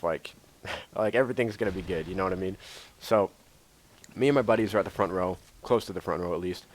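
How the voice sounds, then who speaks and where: Rambling young guy telling a story. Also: low-pitched. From Idaho. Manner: rambling, lots of filler words and swearing. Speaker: YouTuber. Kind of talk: casual storytelling over gameplay.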